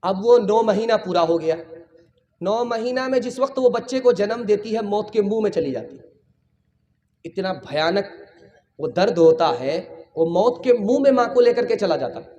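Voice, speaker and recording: A man's voice: high-pitched, lively intonation, mellow, highs cut off. A man preaching a religious sermon at a public gathering, impassioned, repeating phrases and calling on the crowd to raise their hands.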